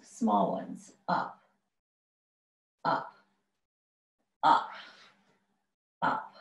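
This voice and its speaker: Female Pilates instructor, higher voice, slow drawn-out rep counts, recorded in an echoey room off-mic. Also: a little mellow, recorded from a distance. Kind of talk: cueing a home workout class. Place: home room over a video call.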